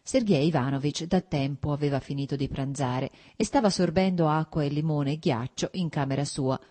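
A woman narrating a classic novel as an audiobook in a steady, measured reading. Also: deep voice. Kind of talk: scripted narration.

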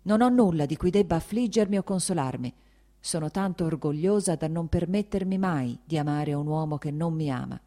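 A woman's voice: deep voice, expressive, brisk, warm tone. A woman voicing a young, proud and hurt woman who answers sharply and with agitation in a raised voice. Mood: furious.

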